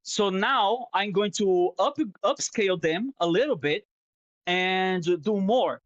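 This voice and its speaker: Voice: medium pitch, slow pace, no room sound. A streamer in casual chat, wandering from thought to thought with plenty of swearing and open sentiment. The voice sits mid-range, dry and close on a slightly muffled headset mic. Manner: rambling, profane, sentimental. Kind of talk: casual chat while drawing.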